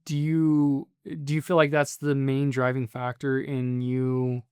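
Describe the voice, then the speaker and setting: Podcast host, halting questions, smooth clear tone, dry close sound. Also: mid-range voice, monotone, darkish tone, no room sound. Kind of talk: casual interview questions.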